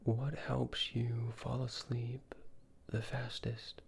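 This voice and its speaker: An ASMR host speaking in a soft, breathy, soothing whisper, gently asking the listener questions with long pauses, close to the microphone. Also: medium pitch, flat delivery. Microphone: close ear-to-ear microphone.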